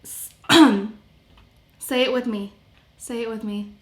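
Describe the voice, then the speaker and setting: A woman's voice: fairly high pitch, steady tone, normal speed, echoey room. A woman chatting playfully through a casual makeup tutorial, often trailing off mid-sentence. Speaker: beauty vlogger.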